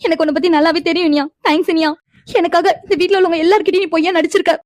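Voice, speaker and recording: An emotional young older-sister figure in a cartoon speaks earnestly. Her voice is high and quick, and the recording is dry. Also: steady tone, a little mellow, no room sound. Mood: tearful. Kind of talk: animated cartoon dialogue.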